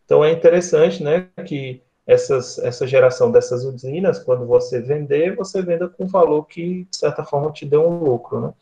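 A man in his thirties with a Northeastern Brazilian accent, a guest speaker and lecturer, explains things conversationally in an online talk over a video call from a small indoor room. His voice is a little high with a dark tone, at normal speed with few pauses, and he often checks for agreement with short tag questions. The video call audio is dull and lo-fi.

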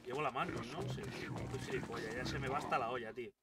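A man from Spain giving casual gameplay commentary, excitable and joking, swearing and shouting at enemies. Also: medium pitch, fast, heavy background noise. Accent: Spain Spanish. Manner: jokey running chatter. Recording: distant mic with loud game gunfire behind.

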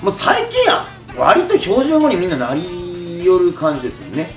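A middle-aged man chats in a thick Kumamoto accent, joking and teasing as he goes. His voice sits a little high and swings widely. The room echoes, and music plays underneath. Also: wildly swooping pitch, normal speed. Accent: Kumamoto dialect. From Kumamoto, Japan. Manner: joking, teasing, laughs often. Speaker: YouTuber host. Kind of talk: casual chat.

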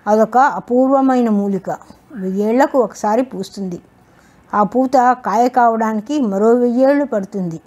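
A woman voicing a clever, calm young village man in a read-aloud story, speaking unhurriedly and coolly. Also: on the high side, normal speed, natural voice. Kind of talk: storybook reading.

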